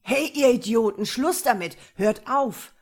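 A woman voicing a pudgy man in a suit who shouts and pleads shrilly. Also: a little high, animated, a little slow, pitched above the performer's own voice. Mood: shouting. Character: agitated man in a suit, pudgy office type.

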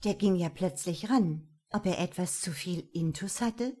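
A woman reads a novel aloud with steady, clear storytelling. Her voice sits a bit low for a woman. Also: unhurried. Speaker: narrator. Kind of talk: audiobook narration.

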